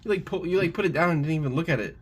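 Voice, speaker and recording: Very deep-voiced woman chatting casually. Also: racing, husky. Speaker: co-host of card pack opening video. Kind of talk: casual chat. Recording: faint background room noise.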